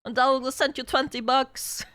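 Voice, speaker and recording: A woman streamer chats casually with her live viewers in a high, bright voice that stays clean and smooth. She takes her time and keeps the tone bubbly and talkative, breaking now and then into loud calls. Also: fairly even intonation, measured pace. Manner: bubbly, chatty with viewers, bursts of shouting and laughing.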